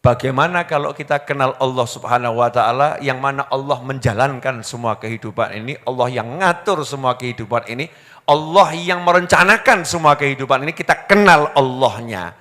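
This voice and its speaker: A man's voice: medium pitch, fairly quick, sharp tone. A man with a Javanese Indonesian accent preaching a humorous sermon, acting out quoted husbands and wives and putting questions to his audience. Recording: reverberant hall.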